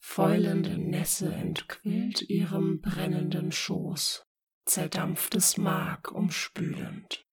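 A reader narrating dark poetic passages slowly in a hushed, whispery voice. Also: mid-range voice, steady tone, gravelly, husky. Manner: slow, hushed and whispery reading. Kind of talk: scripted narration.

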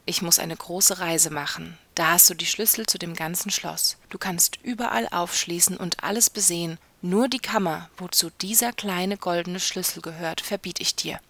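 A woman's voice: lowish voice, fairly even intonation, moderate pace, few pauses, fairly bright tone. A woman reading a fairy tale aloud, voicing a stern, threatening nobleman who murders his wives. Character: menacing wife-killing nobleman, Bluebeard. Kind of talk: storybook reading.

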